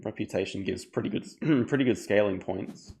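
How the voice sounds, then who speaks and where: A man streaming a board game live, thinking aloud in a relaxed, chatty way. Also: fairly low pitch, normal speed. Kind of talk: casual live game commentary.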